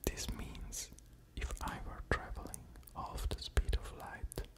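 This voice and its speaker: Slowly whispering man, close ASMR. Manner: slow, deliberate whispering close to the ear. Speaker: ASMR creator explaining physics. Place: small quiet room at home, indoors. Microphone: pair of studio condenser microphones with pop filters, very close.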